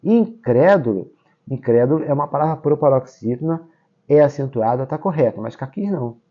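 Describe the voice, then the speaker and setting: A man's voice: medium pitch, a little fast, phone-quality sound. A Brazilian man teaching Portuguese grammar for exams, explaining step by step and checking in often with his students. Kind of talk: exam-prep grammar lesson.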